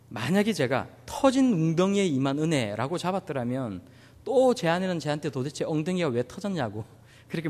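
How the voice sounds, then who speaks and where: A pastor from Busan with a Gyeongsang accent, preaching a sermon with humorous, anecdotal storytelling. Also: male voice, a little high, a little mellow, big-room sound. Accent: Gyeongsang Korean.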